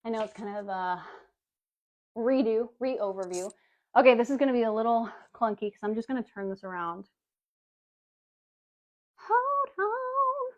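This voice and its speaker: Over dull, lo-fi livestream audio, a fitness coach chats breezily through a live workout demonstration, addressing viewers as "baby" and "girlies." She talks a little fast, with a slightly high, darkish voice.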